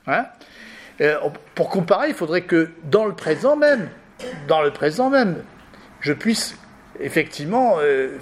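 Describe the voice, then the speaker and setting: Male teacher, high register, lecture delivery that repeats key phrases for emphasis. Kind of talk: lecture reading a philosophy text aloud.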